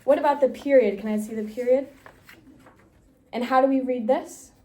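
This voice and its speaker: A woman's voice: sits high, normal speed, mellow. A young woman student teacher leading a classroom micro-teaching lesson, upbeat and encouraging, with frequent laughs.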